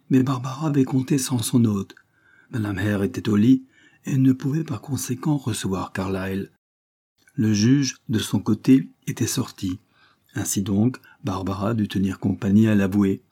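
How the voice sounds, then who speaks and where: A man narrating a classic novel as an audiobook, at a measured storytelling pace. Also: fairly low pitch, mellow, slightly rough.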